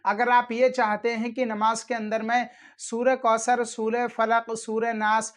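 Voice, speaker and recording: A man's voice: very high voice, flat delivery, unhurried, fairly bright tone. A man hosting his channel, giving earnest religious instruction and repeating his warnings while speaking formally to viewers. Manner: addresses viewers directly and formally. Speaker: channel host teaching prayer rules.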